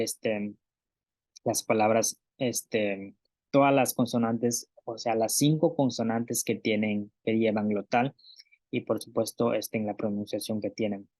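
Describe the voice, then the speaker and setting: A man's voice: mid-range voice, fairly even intonation, takes it slowly, long pauses, darkish tone, dry recording. A man giving a pronunciation lesson, saying words one at a time, carefully and with fillers. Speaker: language teacher.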